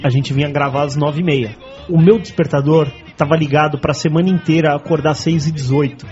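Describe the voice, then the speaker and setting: A man hosting a casual podcast chat, telling lively stories, acting out quotes and swearing freely. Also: a little high, brisk. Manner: animated storyteller who acts out quotes and swears freely. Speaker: podcast host. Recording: dull lo-fi podcast recording.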